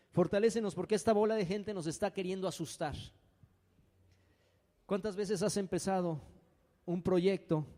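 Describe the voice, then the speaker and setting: A man's voice: high voice, warm tone. A man preaching a sermon as pastor, dramatic and acting out frightened voices. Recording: long hall reverb.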